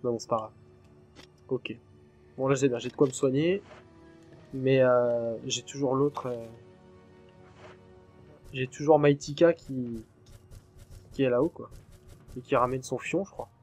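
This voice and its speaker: A man talks his way through a horror game, chatting to viewers and letting curses fly whenever something jumps out. His voice sits at an ordinary middle pitch, with quiet game music running underneath. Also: steady tone, a little slow, long pauses. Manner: chatty and jumpy, swears freely when startled. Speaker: gaming channel host. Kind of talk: let's play commentary.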